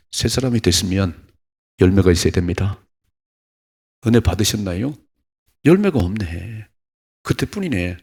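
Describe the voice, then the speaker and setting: Husky low pastor guy, folksy early morning sermon, kinda gravelly. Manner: folksy, acts out little everyday scenes, scolds and urges the listeners. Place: church sanctuary.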